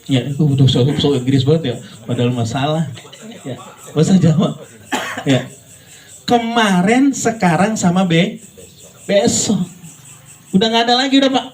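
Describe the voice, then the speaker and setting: A man preaching a lively, joking sermon, talking straight to the congregation and swinging between playful high voices and low earnest tones. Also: brisk, rough recording. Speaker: Islamic preacher.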